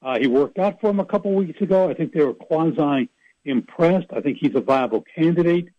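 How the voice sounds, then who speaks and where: A man's voice: on the high side, expressive, normal speed, no echo, dull audio. A man calling in to a radio show as a sports reporter, chatting casually with rambling, folksy asides. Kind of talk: casual radio phone-in chat.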